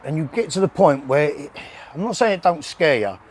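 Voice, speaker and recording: Fairly high-pitched and expressive, this forty-something London-accented bare-knuckle boxer talks a little fast in a casual gym interview. Hailing from west London and Surrey, he speaks bluntly, repeating words and restarting, over slight background noise.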